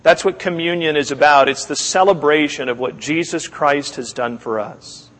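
A man preaching as a pastor, closing a sermon with earnest, measured exhortation, pausing and repeating his phrases. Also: fairly high pitch, fairly bright tone. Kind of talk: sermon with closing prayer and altar call. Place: church service, speaking to a congregation. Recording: long echo of a large room.

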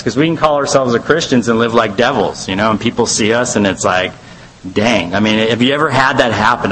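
A man's voice: medium pitch, a bit bright, poor audio. Man teaching a casual Bible study. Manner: conversational, rambling, lots of fillers.

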